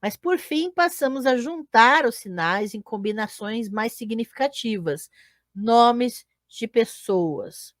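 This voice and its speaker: A woman gives a live online lecture at an unhurried pace. She explains patiently, corrects herself and keeps checking that her listeners are following. Her voice sounds dry and close, with no room echo. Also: on the high side, fairly bright tone. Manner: explanatory, with frequent checking tags and self-corrections. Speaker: teacher and podcast host.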